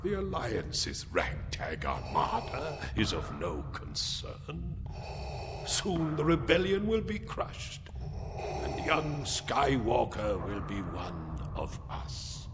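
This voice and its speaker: Slow, sinister old emperor, in cavernous reverb. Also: male voice, mid-range voice, huge pitch swings, noisy background, exaggerated voice. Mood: menacing, triumphant. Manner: theatrical, drawn-out, imperious delivery. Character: ancient, scheming, sinister emperor, gloating and patient. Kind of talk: radio drama acting. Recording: long hall reverb, loud orchestral music.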